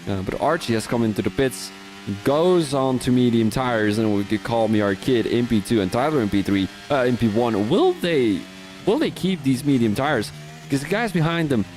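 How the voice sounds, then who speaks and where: A young Dutch man with a Dutch accent and a medium-pitched, slightly mellow voice commentates a sim racing league. His talk blends live race commentary with casual chat, chatty and rambling, full of restarts.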